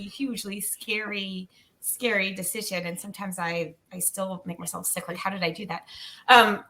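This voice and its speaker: A woman's voice: mid-range voice, sharp tone. A woman hosting a panel discussion, chatty and candid, laughing as she talks. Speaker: panel host.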